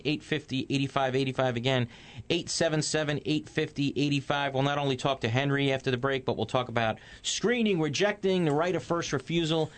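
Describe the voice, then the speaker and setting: A man hosting a call-in radio talk show, addressing listeners and interviewing guests. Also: mid-range voice. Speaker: radio host, attorney.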